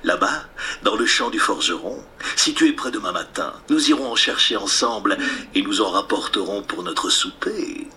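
A man voicing a sly, scheming big bad wolf in a storybook reading, speaking lower and drawing out his words. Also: expressive, moderate pace, sharp tone, a little hiss or hum. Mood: sly coaxing.

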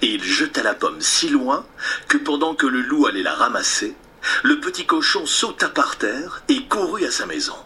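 A man reading a children's fairy tale aloud in a playful, expressive storytelling style. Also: mid-range voice, normal speed.

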